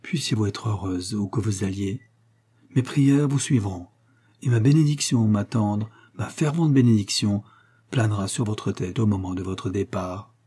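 An unctuous young preacher from a storybook reading, fervent and soft-spoken. A man reads him in a low, mellow, husky voice. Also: moderate pace. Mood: tender. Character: smooth-talking young male preacher in prison. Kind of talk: audiobook character reading.

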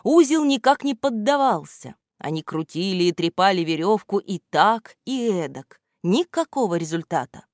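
A woman narrates a children's storybook with lively, expressive reading. Her pitch moves a lot, and the recording is dry and close to the mic. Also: moderate pace, few pauses, no echo.

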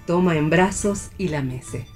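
Low, mellow woman reading stage directions. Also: a little slow, faint music behind.

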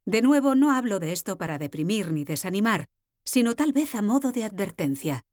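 A woman reading an audiobook epigraph in a slow, grave way. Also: mid-range voice, sing-song, darkish tone, dry recording, studio quality. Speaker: reader of chapter epigraph.

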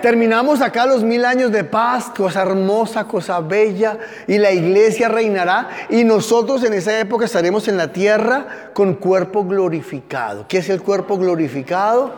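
A man's voice: sits high, normal speed, hardly any pauses, long reverb tail, some chatter behind. A male pastor giving an interactive teaching sermon, sarcastic and playful, quizzing listeners by name with questions.

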